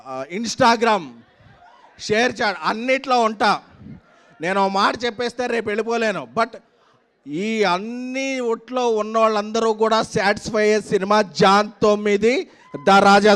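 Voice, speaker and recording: A man's voice pitched extremely high. He delivers a promotional speech at a film event in an emphatic, declamatory way. His phrases come in punchy, repeated runs that build up like slogans. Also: fairly bright tone. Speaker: film producer giving a speech.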